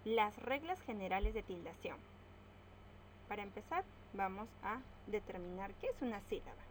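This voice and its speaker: A woman teaching a grammar lesson, slowly spelling out words and stressing each syllable. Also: mid-range voice, animated, a little hiss or hum, low-quality recording.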